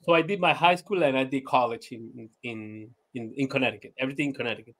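His mid-range, slightly bright voice comes out fast. As a podcast guest in a relaxed interview, this chatty Venezuelan-born man laughs often, keeps restarting, and leans on "you know."

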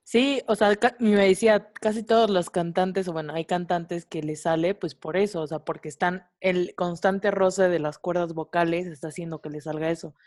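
A woman in her twenties with a Mexican Spanish accent, co-hosting a podcast and telling a personal story in a casual, animated way, full of fillers and slang. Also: fairly low pitch, moderate pace, hardly any pauses. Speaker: podcast co-host.

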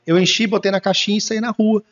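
A man's voice: sits high, flat delivery, quick pace, fairly bright tone. A man guest in an interview, telling his life story casually and acting out quoted dialogue. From Brazil. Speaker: entrepreneur guest. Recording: muffled lo-fi recording.

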